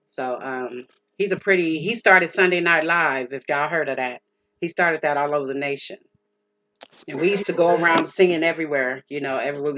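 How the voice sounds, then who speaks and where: A mature woman talks in a chatty, rambling way on a casual live stream. Her voice is bright and forceful and slightly low, through dull lo-fi audio. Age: middle-aged or older.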